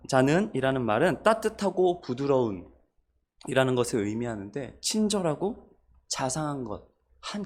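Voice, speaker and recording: A man's voice: a little high, a little mellow. A man preaching a sermon as pastor, asking the congregation questions and rising on repeated refrains.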